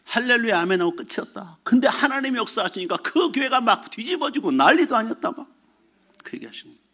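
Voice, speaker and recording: A man preaching a Sunday sermon as pastor, telling a story in an animated way and shouting exclamations from it. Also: very high-pitched, fast talker. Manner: animated storytelling, mixes formal and casual speech, shouts acted exclamations. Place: church sanctuary.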